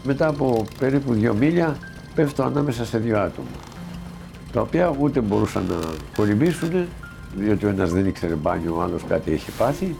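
Gravelly low-voiced man recounting a memory. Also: expressive, music in the background. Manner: plain, vivid storytelling, quoting others. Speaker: eyewitness telling his story. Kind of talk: spoken first-person recollection.

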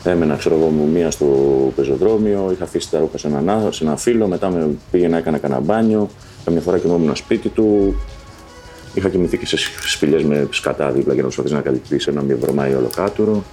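Very low, dark-voiced man telling his story. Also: faint music behind. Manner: conversational, loose and halting, with frequent fillers. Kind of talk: candid personal storytelling.

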